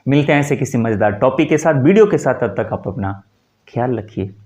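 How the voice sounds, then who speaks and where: A man's voice: mid-range voice, lively intonation, fairly quick, a little mellow. A man teaching Hindi in an online lesson, drawing out and repeating words as he explains them. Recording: echoey room, dull lo-fi sound.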